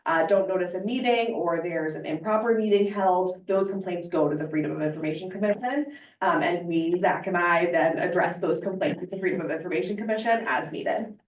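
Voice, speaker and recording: A woman's voice: fairly low pitch, brisk. A woman who is short of breath gives a formal informational presentation as a lawyer briefing a board. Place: public board meeting room. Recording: echoey meeting room, far from mic.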